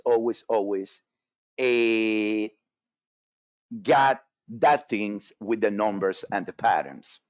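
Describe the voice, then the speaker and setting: A trading webinar presenter originally from Cuba speaks live in a medium-pitched, darkish voice, the sound dull and echo-free. His manner is casual and repetitive, heavy with fillers and frequent restarts.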